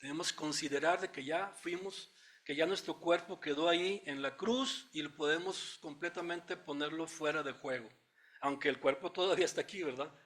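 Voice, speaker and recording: Fairly high-voiced Mexican preacher teaching. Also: male voice, fairly bright tone. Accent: Mexican Spanish. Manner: teacherly, thinks aloud with fillers and asides; reads scripture aloud slowly. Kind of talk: expository Bible study sermon.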